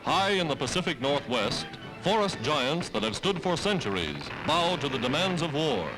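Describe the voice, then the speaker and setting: Narrating a 1940s wartime newsreel, a man declaims emphatically in a slightly high, sing-song voice at a normal speed. The recording is rough, an old newsreel soundtrack with loud music behind his narration.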